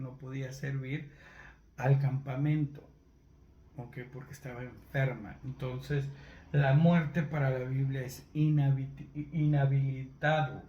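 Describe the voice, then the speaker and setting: Slow, roomy-sounding man teaching scripture. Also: mid-range voice, lo-fi sound. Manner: unhurried, checks in with listeners, spells out words letter by letter. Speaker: Bible teacher. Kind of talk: Bible teaching. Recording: roomy echo, faint background noise.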